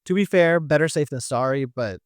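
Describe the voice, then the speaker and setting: A man's voice: fairly high pitch, a little fast, no echo, studio quality. A man co-hosting a podcast, leading a casual recap chat and often restarting his phrases. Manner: leads the discussion, restarts phrases. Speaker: podcast co-host.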